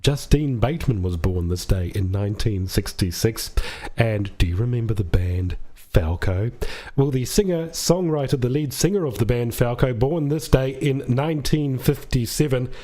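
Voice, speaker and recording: With music running beneath him in a radio studio, a New Zealand DJ delivers upbeat, friendly patter between tracks. He has a mellow, expressive mid-range voice and speaks at a moderate pace.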